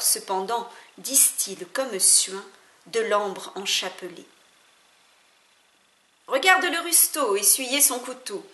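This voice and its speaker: A woman reading a translated poem aloud in a theatrical recitation, her voice swelling louder on the exclamations. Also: medium pitch. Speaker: poetry reader. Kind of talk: dramatic poetry recitation. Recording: echoey room.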